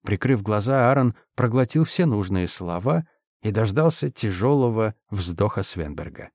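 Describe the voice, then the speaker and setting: Brief: male audiobook narrator, low, measured, dry studio sound. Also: animated, darkish tone, no echo. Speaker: audiobook reader. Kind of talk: scripted narration.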